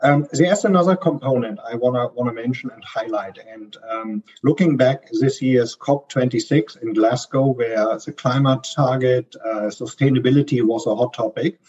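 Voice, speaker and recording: Appearing as a supply chain consultant guest, a man from Germany with a heavy accent answers interview questions at a moderate pace with hardly any pauses, though he still ums and restarts often. His voice is medium-pitched, a little mellow and slightly rough, on lo-fi audio.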